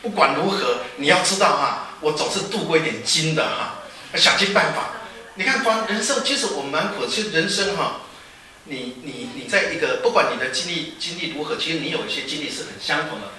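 Fast, bright-voiced man joking in a hall. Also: fairly high pitch, animated. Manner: joking, rhetorical questions. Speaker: speaker addressing new overseas students. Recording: echoey hall from far off.

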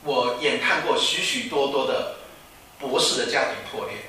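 Male pastor, informal sermon, bright forceful tone, faint room hum. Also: mid-range voice, normal speed. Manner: chatty, teasing rhetorical questions, laughing asides. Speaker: pastor and former professor. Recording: echoey room from a distant mic.

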